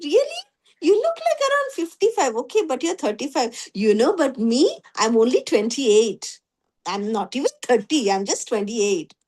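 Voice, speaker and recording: Vain elderly lady, shrill and mocking, lying about her age; a woman puts her on. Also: very animated, moderate pace, a little mellow, breathy edge, exaggerated voice.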